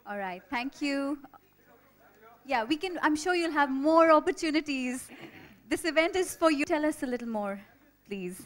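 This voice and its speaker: A woman's voice: sits high, expressive, normal speed. A woman hosting a stage event, bubbly and effusive as she welcomes guests, on a handheld mic. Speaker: event host.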